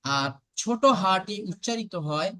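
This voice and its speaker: A man teaches a lesson. He talks patiently and repeats each sound slowly. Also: high voice, expressive, pushed and bright. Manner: patient and repetitive, slowly drills sounds aloud. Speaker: Arabic pronunciation teacher. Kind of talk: online lesson.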